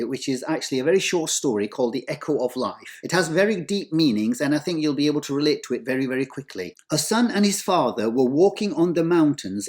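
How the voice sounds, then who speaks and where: A man hosting his own commentary video, speaking in a measured, earnest presenter manner. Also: fairly high pitch, a little mellow. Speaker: host of a crypto market commentary channel.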